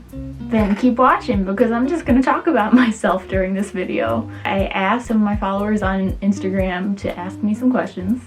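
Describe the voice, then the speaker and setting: Twenty-something woman rambling about herself on her vlog, mid pitch, bit of music behind. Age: 20s. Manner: chatty, self-deprecating, many fillers. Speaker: illustrator and vlogger. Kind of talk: casual get-to-know-me chat.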